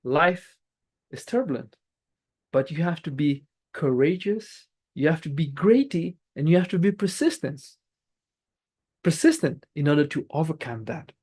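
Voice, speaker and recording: In an unhurried, mid-range voice with a breathy edge, a lively motivational speaker from Angola presents a prepared club speech. Portuguese is the first language, and the style is emphatic, with key phrases repeated and words restarted.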